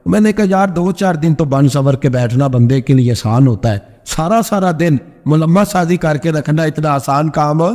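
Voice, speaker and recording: A male preacher delivers a storytelling sermon with a high, ringing voice that climbs to fervent peaks and then sinks low for quoted lines. His words carry a long reverb tail, as if spoken in a large hall. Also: hardly any pauses, a little mellow. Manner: impassioned, rising to high emphatic peaks and dropping low in quoted speech.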